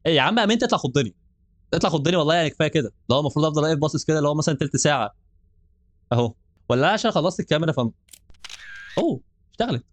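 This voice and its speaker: With a very fast delivery and a voice that sits a little high, this young Egyptian Arabic-accented man runs a gaming channel and narrates a horror game in a nervous, joking let's play style, laughing frequently. The recording is dry.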